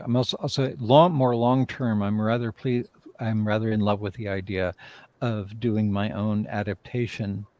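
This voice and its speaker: A man with a fairly low-pitched, darkish voice appears as an interview guest, a playwright and director in a live discussion. He talks casually, rambling and often interrupting himself.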